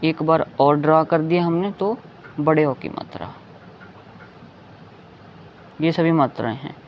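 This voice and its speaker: A man's voice: fairly high pitch, a little slow. A man teaching a lesson, patiently repeating each sound and often checking that listeners follow. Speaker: Hindi teacher. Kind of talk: slow explanatory lesson. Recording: dull lo-fi recording with faint background noise.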